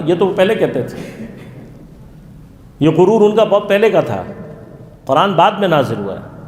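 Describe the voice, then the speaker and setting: A male religious lecturer giving an interactive lesson, asking his listeners questions and then answering them himself. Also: sits high. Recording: echoey hall.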